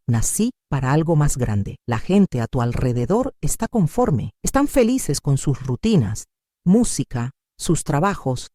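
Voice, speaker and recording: Dramatic woman preaching with a swinging pitch. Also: warm tone, dry recording, clean studio sound. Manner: dramatic, emphatic preaching delivery. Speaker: devotional narrator. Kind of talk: scripted devotional narration.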